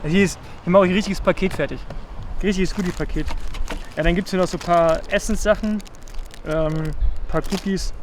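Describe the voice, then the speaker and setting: A man talks to a handheld camera in a loose, rambling vlog style, full of filler sounds. His voice sits a touch high for a man. Faint outdoor street noise sits behind him. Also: fairly even intonation, fairly quick. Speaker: pro gravel cyclist vlogging a race trip. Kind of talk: casual vlog chat to camera.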